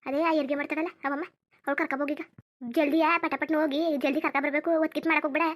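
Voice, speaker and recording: A woman's voice: high voice, flat delivery, rapid-fire, fairly bright tone. A woman voicing a fussy, bossy old village mother in a cartoon, scolding and giving orders. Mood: commanding. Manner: scolding, orders people about. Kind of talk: cartoon voice acting.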